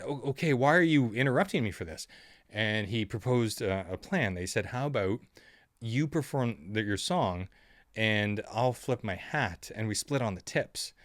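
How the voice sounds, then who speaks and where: A man's voice: on the low side, no echo, studio quality. A musician, a man, telling rambling stories to camera in a sardonic, offhand way, with lots of ums. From Canada. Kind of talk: casual storytelling monologue.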